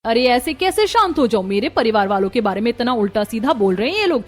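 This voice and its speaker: A woman voicing a proud, outspoken young bride in a cartoon story, talking forcefully. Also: fairly high pitch, sing-song, quick pace. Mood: indignant. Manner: forceful, indignant.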